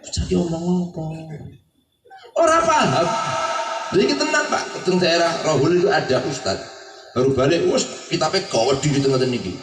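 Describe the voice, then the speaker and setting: A Javanese-accented man preaches in a joking, storytelling way and slips into the voices of his characters. His voice sits high and swings widely. He sounds far from the mic in an echoing hall, with music playing behind him. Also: big pitch swings, a little fast, noisy background. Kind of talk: humorous Javanese sermon. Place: hall at a religious gathering. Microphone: microphone.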